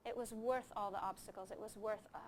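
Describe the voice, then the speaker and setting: A middle-aged woman who grew up in Japan answers interview questions as a coach, earnest, emphatic and explanatory, weaving in anecdotes. Her medium-pitched voice is steady and fast. A little hiss or hum sits under the recording.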